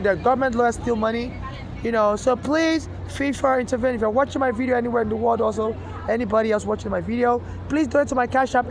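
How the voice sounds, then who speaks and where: Urgent fast-talking man on a noisy street. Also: extremely high pitch. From Nigeria. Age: 40s. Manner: urgent, repetitive, stammering restarts. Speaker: street vlogger appealing for donations. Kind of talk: rambling direct-to-camera appeal. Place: outdoors on a city street. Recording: loud street traffic noise outdoors.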